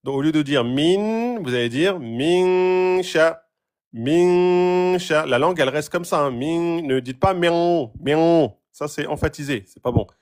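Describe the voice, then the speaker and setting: A man teaching Quran recitation rules, patiently asking questions and repeating example words slowly. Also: on the high side, lively intonation. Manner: asks students rhetorical questions. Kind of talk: tajwid lesson, explaining a page.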